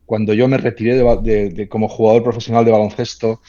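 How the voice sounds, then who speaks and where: Male interview host, halting and full of fillers, muffled lo-fi audio. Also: fairly low pitch, flat delivery, warm tone. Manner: hesitant, many fillers and restarts. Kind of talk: casual interview.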